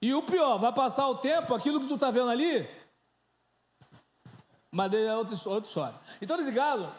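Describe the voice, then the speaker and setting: A man in his thirties preaching an informal, joking sermon, swinging between loud and soft. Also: extremely high pitch, roomy sound. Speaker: pastor.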